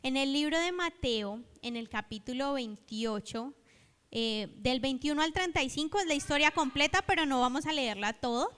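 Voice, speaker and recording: High-voiced woman preaching in a church. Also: animated, normal speed, a bit bright. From Colombia. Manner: storytelling, acts out the dialogue of the parable; calls on the congregation to repeat after her. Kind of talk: sermon. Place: church hall. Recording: hall reverb in a church.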